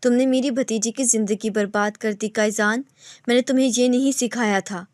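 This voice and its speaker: A woman's voice: on the high side, fairly even intonation, a little mellow, dry recording, studio quality, close to an everyday voice. A woman voicing a furious middle-aged mother who scolds her son sternly, in a storybook reading. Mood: scolding.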